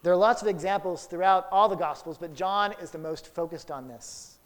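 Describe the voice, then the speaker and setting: A man preaching a sermon, telling a childhood story and then drawing Bible lessons from it, with big swings between loud and soft. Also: high-pitched, a little fast. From Houston area. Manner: storytelling, dramatic swings in loudness. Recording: long hall reverb.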